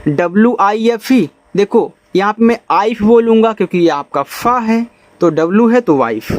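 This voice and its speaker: A man teaching English phonics in Hindi, spelling out letters slowly and asking his students questions as he explains each step. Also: high-pitched, lively intonation. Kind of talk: spoken phonics lesson.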